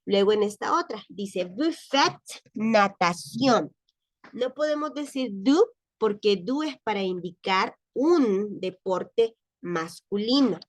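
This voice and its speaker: A woman teaching a lesson who speaks slowly and patiently, pausing on fillers and asking the class why before she answers. Her voice sits in a middle register and sounds close and dry, with little room echo. She reads examples. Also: mid-range voice, expressive. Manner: patient, explanatory, many fillers and repeated questions. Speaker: French teacher. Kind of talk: explaining grammar in class.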